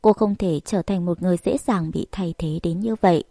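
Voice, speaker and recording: A woman narrating an audiobook story in a steady, even reading. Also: lowish voice, fairly quick, no room sound, clean studio sound.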